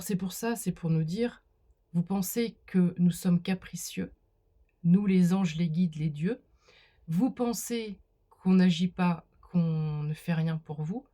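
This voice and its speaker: A woman's voice: fairly low pitch, mellow. A woman doing a casual spoken card reading, talking straight to the viewer with many fillers and restarts. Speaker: card reader.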